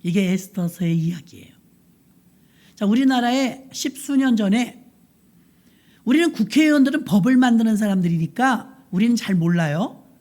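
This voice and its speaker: A woman pastor preaching in an animated storytelling style, acting out the scenes and asking the congregation questions. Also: on the high side, moderate pace. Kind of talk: sermon storytelling.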